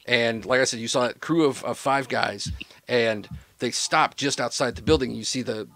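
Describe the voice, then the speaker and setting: A man's voice: mid-range voice, normal speed, a bit bright. A man narrating a tabletop role-playing game as game master, in a loose, casual way with plenty of fillers and swearing.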